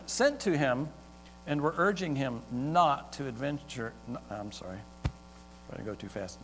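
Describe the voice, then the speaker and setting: A man preaching a sermon, reading scripture aloud and explaining it with lively sports comparisons. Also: on the high side. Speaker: pastor. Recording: reverberant hall with faint mains hum.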